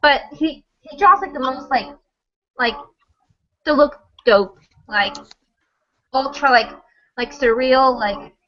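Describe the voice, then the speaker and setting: A woman's voice: high voice, slow, long pauses, dull audio. A woman guest on a live chat show, talking hesitantly and filling her speech with "like". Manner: hesitant, lots of "like". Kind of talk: casual chat.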